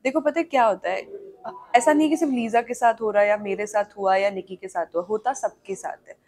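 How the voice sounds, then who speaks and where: A woman's voice: medium pitch, brisk, darkish tone. A young woman speaking as an interview guest, candid and emphatic, switching between Hindi and English.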